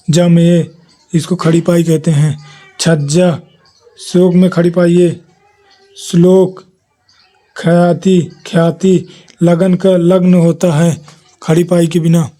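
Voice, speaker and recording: A man's voice: high voice, dark tone. A man giving an exam revision lesson, reading his notes aloud and listing letters one by one. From India. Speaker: teacher.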